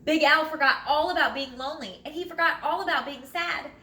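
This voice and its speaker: A woman teacher reading a children's storybook aloud in an expressive, dramatic way with drawn-out phrases. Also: sits high. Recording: roomy echo, light background noise.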